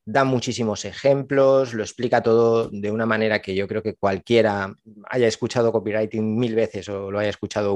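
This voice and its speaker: A man's voice: lowish voice, dry recording. A middle-aged man with a Spain Spanish accent, casually recommending business books as podcast co-host, rambling with fillers and self-corrections.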